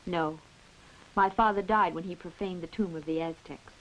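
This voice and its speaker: A woman's voice: lowish voice, moderate pace, fairly bright tone, lightly acted, low-quality recording. A woman playing an anxious young heroine in a dubbed old horror film, earnest and melodramatic. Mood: fearful, insistent. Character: anxious young woman fearing a family curse.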